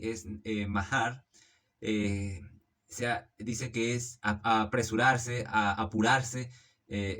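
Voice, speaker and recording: A man reading Bible verses aloud and explaining them, in a measured delivery with frequent "eh" fillers and "¿ok?" checks, often correcting himself mid-sentence. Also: mid-range voice. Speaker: Bible teacher.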